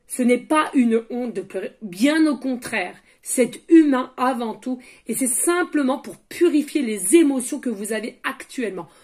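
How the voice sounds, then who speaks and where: High-voiced chatty woman medium. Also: lively intonation, measured pace, few pauses, darkish tone. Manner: chatty, sprinkles asides and questions to viewers; drops to murmurs when asking the universe for messages. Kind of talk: oracle card reading guidance.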